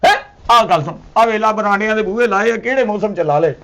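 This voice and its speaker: A man's voice: high voice, quick pace, a bit bright. A man with a Punjabi accent, playing a sulking son-in-law in a comedy sketch, whiny and complaining.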